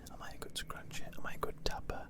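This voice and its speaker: Casting: ASMR host from the UK, fully whispered Q&A delivery, breathy, chatty and playfully self-mocking. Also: fast. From United Kingdom. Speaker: ASMR creator answering viewer questions.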